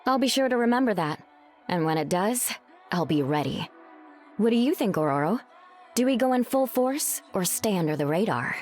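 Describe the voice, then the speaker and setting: A woman's voice: medium pitch, lively intonation, normal speed, a little mellow, lightly acted. A woman voicing a confident, caring superhero mother in a video game, composed and wry. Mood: firm, composed. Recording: music behind.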